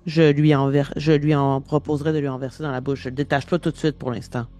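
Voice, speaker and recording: A man's voice: a little high, level tone, quick pace, dark tone, soft background music. A man playing a tabletop game, casually thinking aloud about his moves. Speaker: player.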